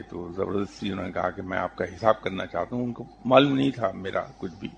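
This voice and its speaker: A man, a spiritual teacher, giving a religious talk in answer to a question, telling stories calmly and at a measured pace, with English terms mixed in. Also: on the low side, vocal fry, a little hiss or hum.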